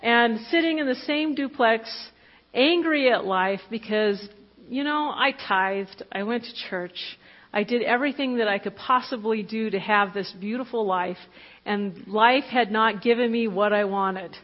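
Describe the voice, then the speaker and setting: A woman of fifty giving a candid, conversational sermon about her own life, with fillers and quick self-corrections. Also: fairly high pitch. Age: 50s. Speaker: preacher. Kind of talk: personal testimony sermon. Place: church hall. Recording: dull lo-fi recording with long hall reverb.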